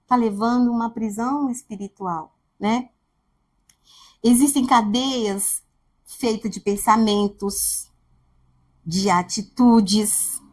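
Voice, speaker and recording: A woman from Brazil preaching a sermon, telling a family story and acting out the quoted voices. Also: a little high.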